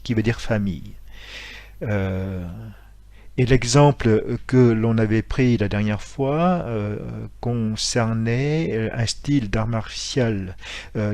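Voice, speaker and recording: A man teaching a lesson, explaining with frequent pauses and self-corrections. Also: mid-range voice, a little mellow, dry recording. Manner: hesitant, many fillers and self-corrections; explanatory, spells out letters and sounds. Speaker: martial arts instructor.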